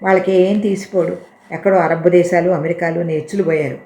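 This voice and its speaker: A woman voicing a pushy middle-aged female relative who talks loudly and insistently, boasting. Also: on the low side, fairly even intonation, a little fast, lightly acted. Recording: roomy echo.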